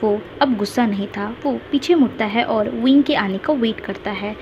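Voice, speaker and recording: Higher-voiced woman retelling a story. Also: normal speed. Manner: steady storytelling. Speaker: story narrator. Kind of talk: retelling fan fiction. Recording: dull lo-fi with faint hiss.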